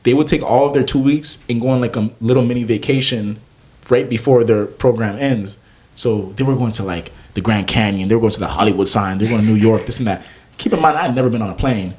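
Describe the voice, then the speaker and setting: A man's voice: fairly low pitch, fast. A young adult man from Naples, Florida, a chef and food truck owner, telling stories in a casual interview and acting out the voices of the people he quotes. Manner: animated storyteller, acts out quoted voices.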